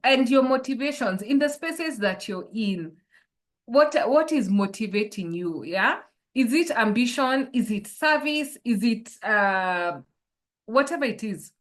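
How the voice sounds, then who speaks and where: A woman with a somewhat high voice speaks as a life coach in an online workshop. She poses reflective questions to her listeners. She is heard over a video call. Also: animated, a little slow.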